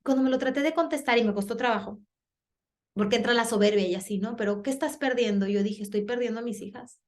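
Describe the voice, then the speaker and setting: A middle-aged woman speaks from a stage at a parenting conference. Her voice sits a little high, and she keeps it lively. She acts out short back-and-forth dialogues in different voices. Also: fast talker. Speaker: speaker giving a parenting talk. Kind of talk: conference talk.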